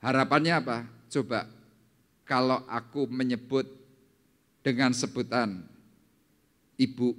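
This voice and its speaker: Man preaching in an echoing church. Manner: dramatic, slowing down and rising in pitch for scripture quotes. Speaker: pastor. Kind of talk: sermon. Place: church service hall. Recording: long hall reverb in a church.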